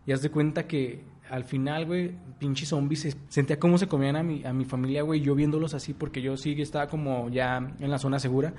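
A man's voice: on the high side, fairly even intonation, fast talker, hardly any pauses. Slangy young Mexican man, laughing. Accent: Mexican Spanish. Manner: slangy, laughs often, acts out quotes loudly. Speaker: podcast co-host. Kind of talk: casual chat.

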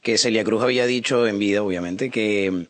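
Low-voiced male interview host. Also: moderate pace, a bit bright. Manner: brief, attentive responses. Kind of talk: casual interview.

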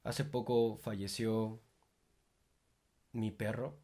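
A man's voice: on the low side, little pitch movement, drawn-out words, dark tone. A young man with a Mexican accent hosting a reflective monologue, informal and full of swearing, rising into emphatic bursts. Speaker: podcast host.

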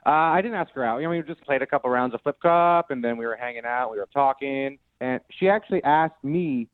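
A man's voice: mid-range voice, a little fast, dry recording. A man near thirty rambles sheepishly through his story as a caller. His voice comes down a tinny phone line. The sound is dry, with no room around it. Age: late 20s. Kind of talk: casual phone call to a radio show.

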